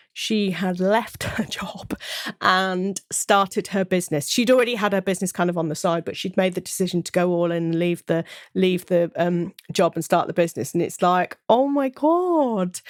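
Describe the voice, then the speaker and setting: A woman's voice: medium pitch, dry recording, clean studio sound. Earnest woman hosting a podcast. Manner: earnest, expressive, emphatic. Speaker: podcast host and business coach. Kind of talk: heartfelt solo podcast monologue.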